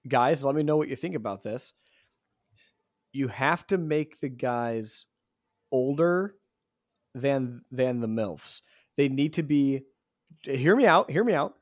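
A young man co-hosting a casual podcast, excitable and saying dude a lot. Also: a little high, dry recording, clean studio sound. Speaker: podcast co-host. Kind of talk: casual chat.

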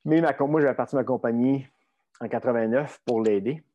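A middle-aged man with a Québécois French accent appears as a strength coach guest, telling stories about his coaching career. His mid-range voice is brisk and lo-fi, and he talks casually and bluntly, rambling with lots of fillers and restarts.

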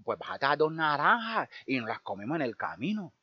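A man's voice: a little high, sing-song, a little fast, slightly rough, muffled recording. A man with a Colombian accent voicing a poor, crafty old woman in a folk tale. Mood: sly.

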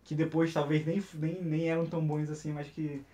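Halting Brazilian man recalling a screening. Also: on the high side, level tone, warm tone, a little hiss or hum. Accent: Brazilian Portuguese. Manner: halting, many fillers and restarts. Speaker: podcast co-host. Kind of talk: casual podcast chat.

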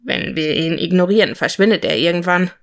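A woman voicing an affectionate, teasing young male dark mage in a storybook, speaking in a soft murmur. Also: lowish voice, animated, brisk, creaky.

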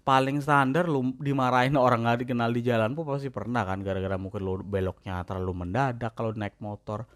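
A young man talks casually. He rambles along in slangy street talk, stopping and restarting as he goes. His voice sits at an ordinary middle pitch. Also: fairly even intonation, a little fast. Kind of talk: casual chat.

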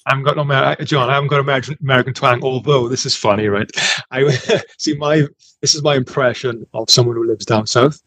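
A man from the United Kingdom co-hosting a podcast, telling stories in casual chat, excitable and laughing often. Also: medium pitch, quick pace, a little hiss or hum, rough recording. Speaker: podcast co-host.

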